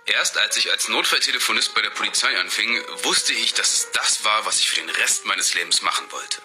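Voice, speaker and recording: A man narrating a scripted horror story in a measured storyteller voice. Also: fairly low pitch, sharp tone, faint music behind.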